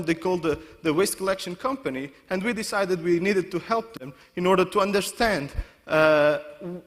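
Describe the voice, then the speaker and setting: With a high, slightly bright voice, a man from Portugal gives a conference talk, stopping to restart and correct himself mid-sentence again and again. He's speaking in a conference hall. The recording has long hall reverb.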